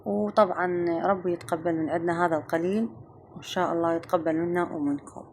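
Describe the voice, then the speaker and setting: A woman's voice: lowish voice, steady tone, fast talker, a little hiss or hum. A woman with an Iraqi accent chatting to her viewers in a casual home cooking vlog, calling them girls and sweethearts. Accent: Iraqi Arabic. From Iraq.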